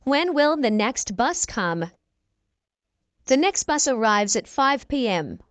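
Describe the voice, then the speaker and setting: A sing-song woman English teacher reads out everyday practice dialogues for learners, clearly and slowly. Her voice is high with wide pitch swings, she repeats each exchange unhurriedly, and the recording has no room sound.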